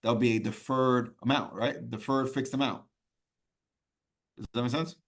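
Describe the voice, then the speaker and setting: A man's voice: mid-range voice, steady tone, moderate pace. A man teaching an exam-prep class in a conversational way, often checking in with "right?" and "okay?" and repeating key points. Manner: repeats key points to drive them home. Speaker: instructor.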